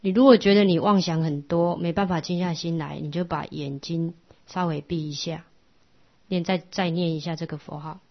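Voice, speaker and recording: A middle-aged woman, giving a patient, instructive Buddhist class lecture that often drops to a soft hush. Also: on the low side, fairly even intonation, normal speed. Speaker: Buddhist teacher. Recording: lo-fi muffled recording.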